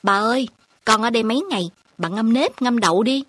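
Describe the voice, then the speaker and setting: A woman voicing a lively, chatty middle-aged village aunt who teases and talks briskly. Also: a little high, dry recording, voice pushed up. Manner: brisk, teasing country talk.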